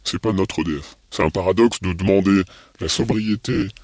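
A man's voice: low voice, moderate pace, a little mellow, no echo, studio quality. An anonymous man speaking through a voice changer that disguises his voice, critical and indignant in a news interview clip.

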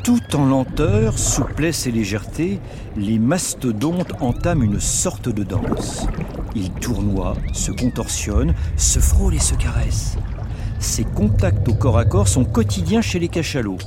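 A man's voice: medium pitch, very animated, a little slow, very noisy. A man narrating a scripted nature documentary in a vivid, dramatic storytelling manner.

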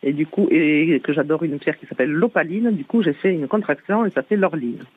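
On a tinny phone line, a husky, low-sitting female voice speaks a little fast. The caller, from Toulouse with its southern accent, chats with a radio show, giggling and going on at length.

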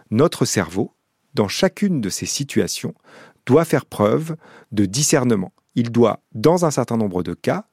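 A man, a psychology professor, giving a calm, measured scripted educational narration. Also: fairly low pitch, dry recording, clean studio sound.

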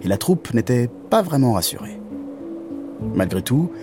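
A man narrating a children's story in a gentle, expressive storytelling manner. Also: medium pitch, measured pace, over music.

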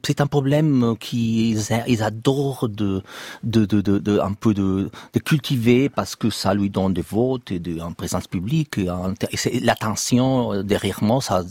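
A Catalan-accented man speaks French in a radio studio, his voice lowish and a touch husky. He stumbles and repeats himself often but keeps pressing his point with conviction. The sound is close and dry. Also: darkish tone, no echo. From Catalonia, Spain. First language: Catalan or Spanish. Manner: hesitant, many repeated restarts, earnest. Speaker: opera house artistic director, guest. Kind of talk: radio interview.

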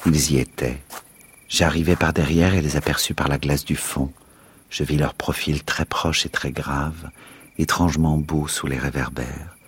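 Very deep-voiced man reading a novel aloud. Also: unhurried, breathy edge, no echo. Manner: steady, expressive narration. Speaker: radio host and reader. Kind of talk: literary reading on radio.

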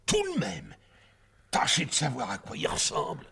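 A man's voice: mid-range voice, huge pitch swings, normal speed, vocal fry, bright, forceful tone, breathy edge, exaggerated voice. An actor playing a jovial, encouraging nobleman who laughs and pours wine, in a 1960s radio drama.

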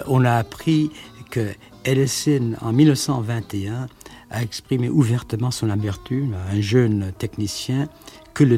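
A man speaking in a measured documentary style, with occasional fillers, on an archive radio recording. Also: mid-range voice, dark tone. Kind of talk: explanatory radio documentary talk.

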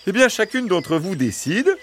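Man playing a sly fox, a bit higher than his own voice, sweet-talking and pushy, storybook. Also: big pitch swings, moderate pace, slight background noise. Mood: wheedling. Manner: wheedling, falsely polite.

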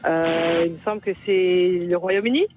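A woman's voice: on the low side, normal speed, phone-quality sound, soft background music. A woman from Morocco calling in to a radio quiz, answering hesitantly and opening with "euh". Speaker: caller and quiz contestant. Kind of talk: casual answers on a radio phone-in.

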